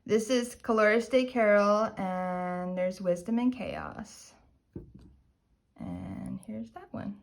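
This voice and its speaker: A woman talks at an unhurried, drawn-out pace in a casual haul-video chat. She gushes with excitement, jokes about being a dork, and now and then sinks into soft murmurs while showing her polishes. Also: mid-range voice, gravelly. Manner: gushing, chatty, calls herself dorky. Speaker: nail polish vlogger.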